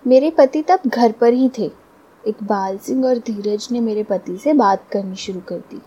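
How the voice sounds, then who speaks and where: A woman narrates a first-person story in a steady, confiding way, speaking directly to her listeners. Her voice sits fairly high but sounds mellow and warm, with a husky, breathy grain. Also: measured pace, poor audio.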